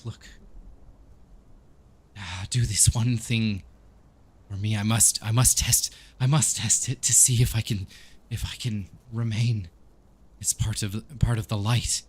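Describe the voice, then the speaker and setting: A man's voice: on the low side, steady tone, measured pace, long pauses, husky. A man voicing a tormented young man turned vampire, pleading in desperate whispers.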